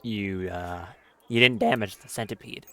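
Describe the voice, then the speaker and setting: A man's voice: lowish voice, normal speed, creaky, sharp tone. Man streaming gameplay, casual swearing commentary. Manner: casual, swears often, nervous running commentary.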